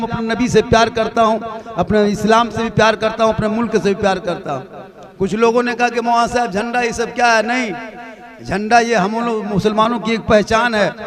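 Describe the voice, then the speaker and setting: A man preaching a fiery sermon in rhythmic rhetorical lists that build toward shouting. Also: very high-pitched. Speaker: Islamic preacher. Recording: crowd noise behind. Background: crowd audible.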